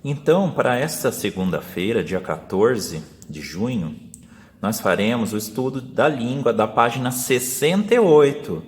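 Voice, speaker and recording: A man with a Brazilian Portuguese accent, a teacher explaining a lesson step by step and slowly sounding out syllables for young pupils. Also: mid-range voice, big pitch swings, long reverb tail. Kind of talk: remote class video lesson.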